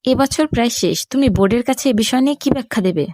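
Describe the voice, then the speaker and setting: A woman's voice: on the high side, fast, a little mellow, no echo, lightly acted. A woman voicing a stern, disappointed older father who heads a company, reading plainly. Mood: scolding.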